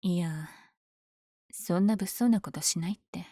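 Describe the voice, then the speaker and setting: Villainess for ASMR audio drama, female actor: dark velvety tone, cocky, smitten with her rival, teasing delivery, dry intimate sound. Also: on the low side, unhurried, dry recording. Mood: bashful, confiding. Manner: teasing, breathy asides. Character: powerful flirtatious villain lady, smitten with her hero rival.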